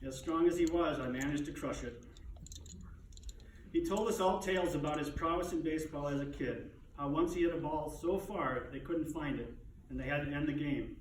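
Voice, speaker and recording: A man with a slightly high voice reads a prepared eulogy for his father. His grief is dignified and held in, lightened by wry, fond humor. He sounds distant from the microphone, in a very echoey room. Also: normal speed, background noise. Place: echoey room, speaking to a gathering.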